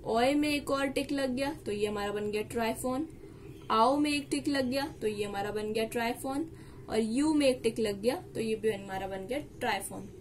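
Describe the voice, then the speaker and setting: A woman's voice: on the high side, normal speed, slight background noise. A woman teaching shorthand, explaining each step patiently and repeating key terms. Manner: patient, repeats key terms, mixes English words into Hindi.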